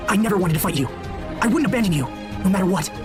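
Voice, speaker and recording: A man playing an earnest, loyal young hero in an overacted English anime dub style, under loud music. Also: high-pitched, animated, rapid-fire. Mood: pleading, loyal.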